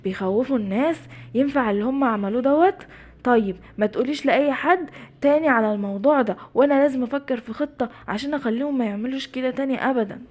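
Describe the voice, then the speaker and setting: A clever cartoon boy, voiced by a woman, with an Egyptian accent. He speaks in a high, quick, level-headed voice, like a kid hatching a plan. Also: darkish tone. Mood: serious. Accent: Egyptian Arabic. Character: clever young boy, calm planner. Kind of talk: cartoon voice acting.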